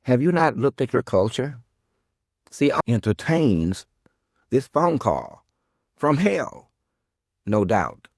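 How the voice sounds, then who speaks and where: A man's voice: mid-range voice, very animated, takes it slowly, pauses often, dry recording, clean studio sound. A male podcast host delivering a confrontational monologue at an absent guest. He is sarcastic and profane, and he keeps circling back to his questions.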